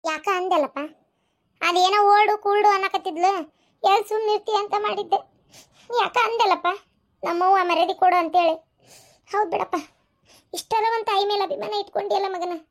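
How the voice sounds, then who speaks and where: A sharp-tongued village mother-in-law from a cartoon family comedy, played by a woman in a North Karnataka Kannada accent. She scolds and gossips bluntly in a very high, shrill, piercing voice. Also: fairly even intonation, a little fast, long pauses. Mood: sarcastic.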